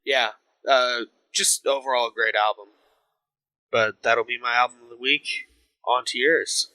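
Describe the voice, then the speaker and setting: A young man in his late teens co-hosting a casual music podcast, halting and searching for words as he talks. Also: medium pitch, steady tone, bright, forceful tone, poor audio. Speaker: podcast co-host. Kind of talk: casual chat.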